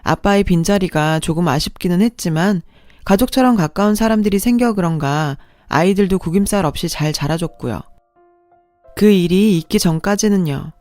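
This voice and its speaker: A woman telling her own story as a scripted radio drama, talking in a confiding, conversational way. Her voice sits dry and close to the microphone. Soft music plays faintly underneath. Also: lowish voice, normal speed, no room sound.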